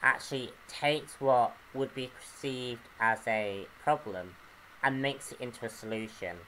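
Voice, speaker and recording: A man giving an unscripted comic book review, earnest and hesitant, often pausing to search for words. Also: medium pitch, fairly bright tone, a little hiss or hum, rough recording.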